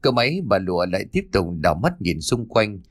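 A man narrating a ghost story audiobook with expressive storytelling. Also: fairly low pitch, a little fast.

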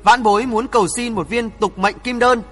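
Man as a calm, bold young swordsman. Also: very high voice, normal speed, big-room sound, soft background music. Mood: firm, respectful. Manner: calm, firm, respectful.

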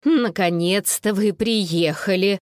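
A woman voicing a caring older grandmother in a storybook reading, speaking in a measured, gently scolding way. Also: medium pitch, no echo, studio quality, lightly acted. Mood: relieved.

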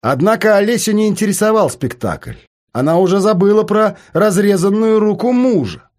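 A man narrating an audiobook in an expressive storytelling manner. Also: sits high, moderate pace.

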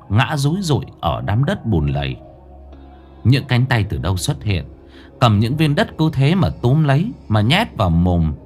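A man's voice: fairly low pitch, a little mellow. A man narrating a ghost story in a theatrical, swinging way. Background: faint music.

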